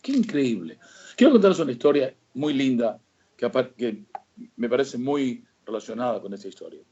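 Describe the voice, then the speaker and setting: Un rabino dando un sermón, hablando directo a los oyentes con énfasis retórico y frenando en las palabras clave. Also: male voice, medium pitch, lively intonation, normal speed, mellow, slightly rough, dull audio. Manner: rhetorical, addresses listeners directly. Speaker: rabbi. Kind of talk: sermon on the weekly Torah portion.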